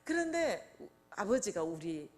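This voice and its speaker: An older woman preaching a sermon in a conversational way, asking her listeners questions and acting out quotes with lively changes of voice. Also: mid-range voice, slow. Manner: conversational, asks the congregation questions.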